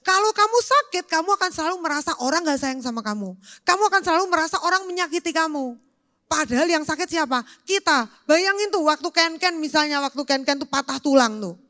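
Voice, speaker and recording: High-voiced woman preaching. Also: quick pace. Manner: animated, swings between loud outbursts and quiet talk, acts out quotes. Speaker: pastor. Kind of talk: lively youth sermon. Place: church hall. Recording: long church hall reverb.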